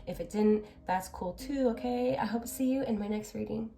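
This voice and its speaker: A woman's voice: on the high side, a little fast, creaky, warm tone, soft background music. A woman giving a chatty tarot reading, talking straight to her viewers. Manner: chatty, addresses viewers directly. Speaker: tarot reader.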